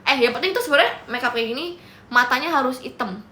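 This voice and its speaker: Talking fast in a high-pitched, pushed, bright voice, this young livestream host playfully teases as she reads and replies to comments, slipping English into her speech. The room is echoey, with faint background noise.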